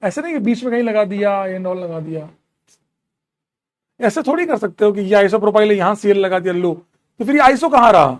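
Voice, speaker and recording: A man with a fairly high voice teaches a chemistry lesson in a relaxed, friendly way. He reassures the students, repeats steps, counts out carbons and keeps telling them there is nothing to worry about. The delivery is that of a chatty classroom teacher. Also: a little fast. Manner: casual, encouraging, calls students bro. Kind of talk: classroom lecture.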